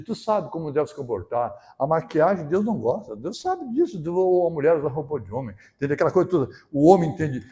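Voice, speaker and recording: Gaucho preacher guy, kinda high mellow voice, chatty sermon that gets loud and punchy here and there. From southern Brazil. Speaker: pastor.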